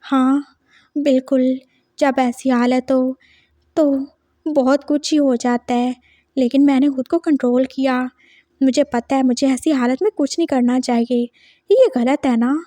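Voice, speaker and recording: A woman voicing a lovesick young man who is clingy, pleading and quick to get flustered, read for a fan story. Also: sits high, fairly even intonation, mellow, no room sound.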